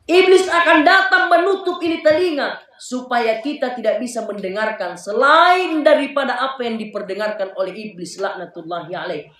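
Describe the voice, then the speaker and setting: A male preacher with a South Sulawesi accent giving a casual, animated sermon and addressing the congregation directly. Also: very high-pitched, moderate pace, hardly any pauses. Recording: echoey hall, voice far from mic.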